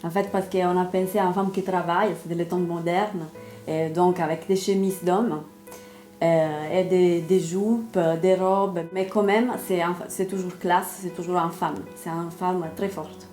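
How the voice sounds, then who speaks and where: A woman speaks French, describing her work as a stylist in short, halting phrases. Her voice is fairly low and mellow, and it rings in an echoey room, with faint music underneath. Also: fairly even intonation. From Italy. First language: Italian. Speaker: fashion stylist. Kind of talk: casual promotional interview.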